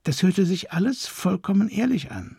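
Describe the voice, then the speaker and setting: A man reading an audiobook voices a distraught, weepy aristocratic woman with high-strung outbursts. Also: very animated, moderate pace, creaky, dark tone, a little hiss or hum, exaggerated voice. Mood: tearful indignant. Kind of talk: audiobook character voice.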